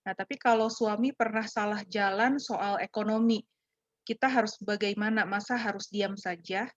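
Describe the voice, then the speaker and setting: A woman's voice: mid-range voice, steady tone, normal speed, no echo, muffled recording. A woman moderator reading out audience questions in a hesitant way with fillers. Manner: hesitant, with filler "eh" between phrases. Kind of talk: hosting a Q&A.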